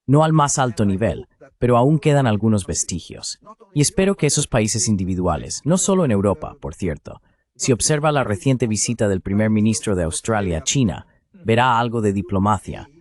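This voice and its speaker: Delivering political analysis as a Spanish voice-over of interview replies, a man speaks deliberately in brief, forceful phrases. His lowish, darkish voice is very animated.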